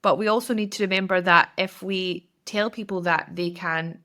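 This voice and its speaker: A woman's voice: lowish voice, fairly even intonation, normal speed, sharp tone. Chatty woman coaching. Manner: chatty, direct, filler-heavy with frequent "like". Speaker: business coach and podcast host. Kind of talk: casual solo podcast advice.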